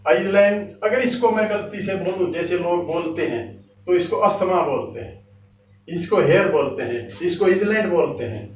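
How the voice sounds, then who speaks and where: A man teaching English pronunciation in a lesson, with an Indian accent, slowly repeating each word several times. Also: high voice, muffled recording. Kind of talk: classroom lesson. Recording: echoey room, mic far off.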